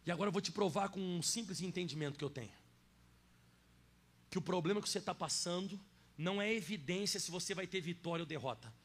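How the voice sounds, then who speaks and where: Animated Brazilian pastor, high-pitched preaching. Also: male voice, fast, husky. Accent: Brazilian Portuguese. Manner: animated preaching, swings from soft asides to loud emphatic declarations. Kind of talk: sermon. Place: church sanctuary.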